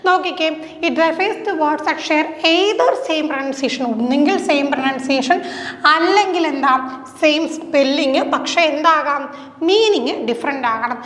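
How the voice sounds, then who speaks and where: This exam-prep lesson comes from a female teacher, a Malayalam speaker with a Malayali English accent, who asks questions and answers them herself. Her voice sits high and is a bit bright, at a measured pace, recorded in an echoey room with long reverb.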